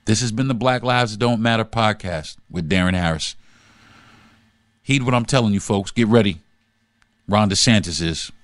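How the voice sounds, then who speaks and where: A man's voice: lowish voice, normal speed, pauses often, dry recording. A man hosting his own podcast, delivering a fiery, profane, pleading monologue. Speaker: podcast host.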